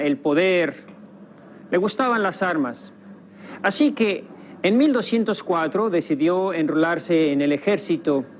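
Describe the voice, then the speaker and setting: A man giving scripted documentary narration in a solemn, measured voice with dramatic pauses. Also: high-pitched, a little hiss or hum. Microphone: studio voice-over. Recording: voice-over over guitar music. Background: guitar music.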